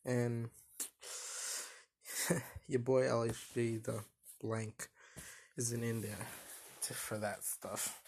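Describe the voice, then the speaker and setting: A young man hosting a casual solo podcast, talking in a flat, monotone voice that rambles and hesitates with lots of fillers. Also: mid-range voice, very slow, long pauses, a little hiss or hum. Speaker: podcast host.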